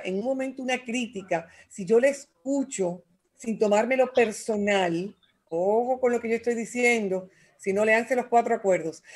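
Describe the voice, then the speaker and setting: A woman, talking as a guest expert on communication in an animated, expressive way and acting out quotes. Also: on the high side. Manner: animated, acts out voices and quotes. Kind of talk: radio talk show conversation.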